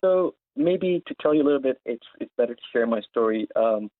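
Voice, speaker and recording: A Saudi man in his twenties, founder of an education platform, answers interview questions informally and explains things over a live remote call line. His medium-pitched voice has lively intonation and a slightly quick pace, and the line sounds narrow and phone-like.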